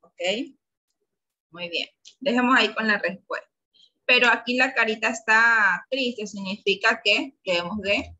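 A woman's voice: on the high side, unhurried, sharp tone, low-quality recording. A woman with an Ecuadorian Spanish accent teaching an English lesson to young pupils, patiently coaxing them with questions. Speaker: primary school English teacher. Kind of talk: online class lesson.

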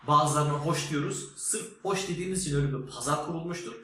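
Male teacher, emphatic lesson delivery with spoken word demos; slightly high voice, heavy room echo. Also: quick pace, sharp tone. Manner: emphatic, teacherly, demonstrates words aloud. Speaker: English teacher. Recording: very echoey room with faint noise.

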